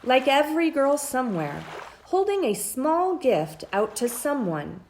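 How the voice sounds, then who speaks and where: Reading a children's story aloud, this woman keeps an unhurried, measured pace and lets her voice rise and fall with great animation, lingering on phrases. Her tone leans dark, and the recording carries a faint hiss.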